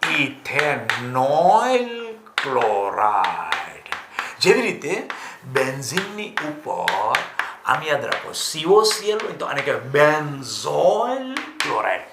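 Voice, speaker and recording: A man teaching chemistry exam prep in Gujarati, asking his students questions and answering them himself, stretching key terms out slowly. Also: on the high side, very animated, echoey room, heavy background noise.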